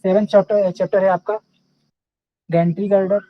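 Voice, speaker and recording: A man's voice: high voice, flat delivery, normal speed, dry recording, muffled recording. A young man teaching a live online class in a casual, chatty way, often checking in with his students.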